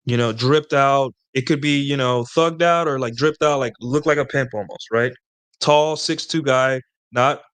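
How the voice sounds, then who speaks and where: Casual male host, mid-pitched, loose and rambling, keeps tossing in "right?" while giving dating tips. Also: a bit bright. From Latin America. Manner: rambling, conversational, frequent "right?" tag questions. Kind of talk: casual dating advice talk.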